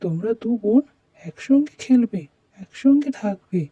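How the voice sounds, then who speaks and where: Woman, mother doll voice, gentle lecturing tone, fairly high pitch, very mellow, dull dry lo-fi sound. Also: lively intonation, moderate pace, breathy edge, dry recording. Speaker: storyteller voicing the mother doll. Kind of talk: doll role-play storytelling.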